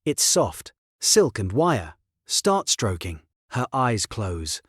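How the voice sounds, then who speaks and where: A man narrating a story in short, clipped, terse sentences with a husky voice. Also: on the low side, sing-song, slow, no room sound, studio quality.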